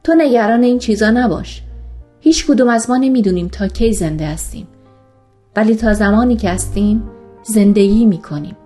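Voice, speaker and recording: A woman reading the lines of a calm, gentle male doctor in love, in a soft and reassuring manner, for an audiobook. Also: a little high, faint music behind, natural voice.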